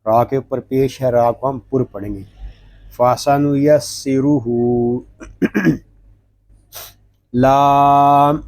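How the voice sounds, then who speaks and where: A man teaching Quran recitation. He spells each word letter by letter with drawn-out syllables, then explains the pronunciation rules. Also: mid-range voice, darkish tone, no echo. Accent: Pakistani Urdu. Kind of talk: slow word-by-word tajweed lesson.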